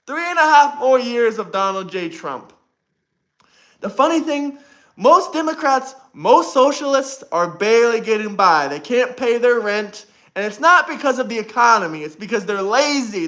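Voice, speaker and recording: A man's voice: very high-pitched, bright, forceful tone. A young man hosting a livestream, chatting casually and brashly to his viewers, repeating himself often. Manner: brash, repetitive, talks straight to chat. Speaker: livestream host.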